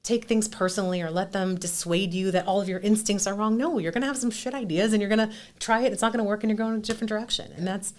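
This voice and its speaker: A woman in her forties, a restaurant owner guesting on a podcast, talking in an animated, candid, self-deprecating way with frequent restarts. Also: mid-range voice, fast, hardly any pauses. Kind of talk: conversational interview.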